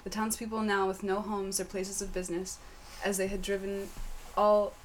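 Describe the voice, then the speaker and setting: A woman reading a comic fantasy story aloud in a matter-of-fact, deadpan way. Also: medium pitch, moderate pace, slight background noise. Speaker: story reader.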